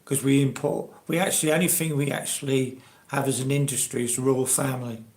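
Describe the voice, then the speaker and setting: A man's voice: mid-range voice, fairly even intonation, fast, darkish tone. A man in his sixties with an English accent, chatting casually and ramblingly as he hosts a live stream. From England. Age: 60s. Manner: rambling, conversational. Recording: roomy, echoey live stream.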